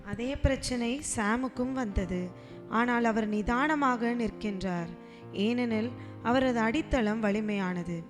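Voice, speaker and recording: A woman gives a scripted, solemn narration with measured phrasing. Her voice is a little higher than usual. Instrumental music plays clearly behind her.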